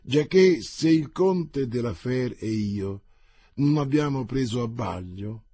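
A man's voice: medium pitch, expressive, slow pace, warm tone, husky, dry recording, heavily acted. Man doing a coldly polite nobleman. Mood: cold, courteous. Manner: icy, insulting courtesy. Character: coolly insulting courteous nobleman.

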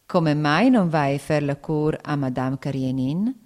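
A woman's voice: deep voice, expressive, slow, a little mellow. A woman reading the lines of a gossiping aristocratic mother, arch and knowing.

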